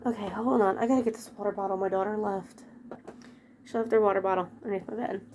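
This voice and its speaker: A vlogger with a head cold chats while tidying her bedroom, her mid-range, slightly mellow voice steady and quick. She rambles and keeps cutting herself off mid-thought, with a little background noise in the recording.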